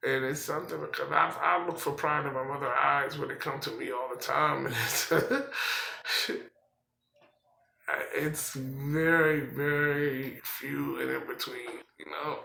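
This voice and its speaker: Philly man, raw gravelly voice, unhurried, cursing, personal testimony, echoey room. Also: fairly high pitch, sharp tone, slight background noise. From Philadelphia, US. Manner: halting and profane, many fillers. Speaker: person telling his life story. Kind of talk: personal storytelling.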